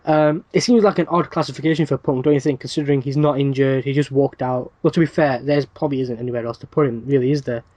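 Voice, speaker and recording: Fast-talking male podcast news reader. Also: medium pitch, fairly even intonation, a little mellow, no room sound, muffled recording. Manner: reads news items quickly with frequent "uh" fillers and dry asides. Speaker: podcast host reading wrestling news. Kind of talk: casual podcast news rundown.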